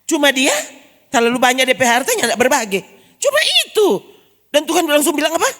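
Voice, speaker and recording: A woman's voice: high voice, fast, fairly bright tone. A woman pastor preaching a sermon, emphatic and full of rhetorical questions. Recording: long church reverb.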